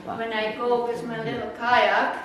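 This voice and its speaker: A Czech-accented woman from the Czech Republic presents slides to a naturalist club in a meeting room, casual and rambling, with laughs and fillers throughout. She speaks a little slowly in a slightly high voice with completely flat delivery. The sound is noisy and echoey, her voice coming from afar.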